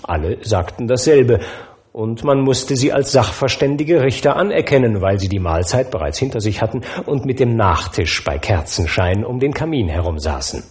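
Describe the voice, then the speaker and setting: A man narrating a classic story aloud, expressive and measured. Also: medium pitch. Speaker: audiobook narrator.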